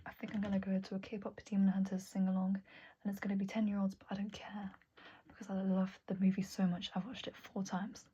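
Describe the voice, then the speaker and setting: A young woman talking candidly to camera at her desk, soft and halting, often dropping to a whisper. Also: mid-range voice, flat delivery, slightly rough, highs cut off. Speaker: vlogger. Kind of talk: candid personal talk to camera. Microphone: earbud mic.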